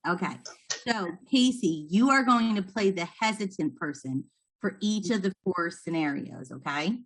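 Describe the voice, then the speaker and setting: A woman's voice: fairly low pitch, expressive, moderate pace, a bit bright. Woman trainer explaining step by step. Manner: patient, encouraging, explains step by step. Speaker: trainer leading a training session. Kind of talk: instructional talk to trainees.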